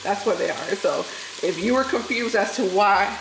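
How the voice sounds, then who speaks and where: Cooking at home while food fries, a thirtysomething woman from New York City chats casually with her audience, addressing them as "y'all" and laughing a lot. A native Spanish speaker, she has a New York accent with a Southern touch. Her mid-range voice keeps a moderate pace, the sound roomy and the background noisy.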